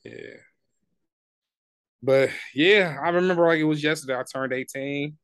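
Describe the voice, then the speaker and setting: A man's voice: fairly high pitch, unhurried, fairly bright tone, clear, resonant tone, no echo. Laid-back slangy man in his twenties. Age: 20s. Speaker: podcast co-host. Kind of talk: casual chat.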